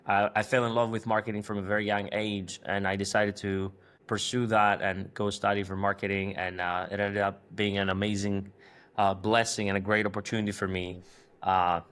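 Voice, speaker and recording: A man's voice: on the low side, little pitch movement, moderate pace, fairly bright tone, clean tone. A man from Greece, a marketing agency co-founder speaking in a podcast interview, hesitant, with frequent fillers and restarts.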